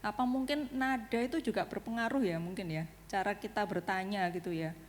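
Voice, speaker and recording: A woman tells a story about her child in a chatty, animated way, full of fillers. Her voice sits at an ordinary pitch. It rings in a hall with long reverb and faint background hum. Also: a little fast. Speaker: parent asking a question. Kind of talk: telling a personal story. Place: school meeting hall.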